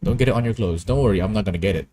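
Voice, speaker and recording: A man's voice: lowish voice, very fast, dark tone, slight background noise. A young man chatting casually and rambling through stories while he works on an animation. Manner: rambling, anecdotal, easily amused. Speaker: animation streamer.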